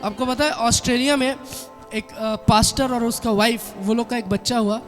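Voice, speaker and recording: A man preaching a sermon with a notably high voice, pressing his points and punctuating them with amen and hallelujah. His words ring out in a reverberant hall while faint music plays underneath. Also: fairly even intonation, moderate pace, a bit bright. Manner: mixes Hindi with English words and Bengali sayings. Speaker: pastor.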